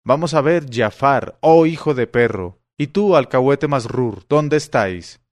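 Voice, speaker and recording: A man voicing a young man who believes he is the caliph, shouting indignant commands. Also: medium pitch, a little slow, dry recording, natural voice. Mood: imperious shouting.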